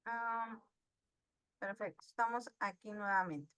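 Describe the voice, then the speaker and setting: A woman's voice: mid-range voice, takes it slowly, a bit bright, clear, resonant tone. A woman teaching an online class, patiently asking her students questions and praising their answers. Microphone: video call.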